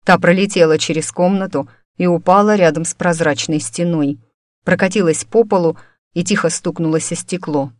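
A woman narrating a fantasy audiobook in the first person, her voice sitting a little low. Her reading is steady and even. The recording is dry and close to the mic. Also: normal speed, no room sound.

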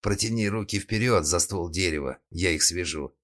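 A man voicing a nervous young technician holding someone at gunpoint, giving curt orders and breaking into shrill outbursts. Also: moderate pace, fairly bright tone. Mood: commanding.

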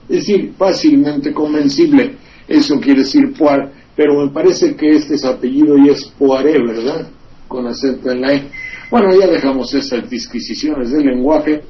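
A Mexican man at a studio microphone wanders through sardonic political commentary, full of asides and wordplay. His voice sits in a middling register. The radio recording sounds slightly dull and lo-fi. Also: mid-range voice. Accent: Mexican Spanish.

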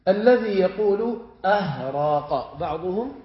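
Male grammar teacher, a touch high-pitched, lecturing and quizzing students, lo-fi room recording. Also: expressive. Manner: drawn-out stressed word forms, questioning students. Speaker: sheikh teaching Arabic morphology. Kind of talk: classroom lecture. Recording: echoey room, dull lo-fi sound.

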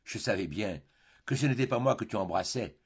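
A man reading as a gentle devoted young sister. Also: fairly low pitch, animated, brisk, husky, highs cut off, pitched below the performer's own voice. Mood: sulky.

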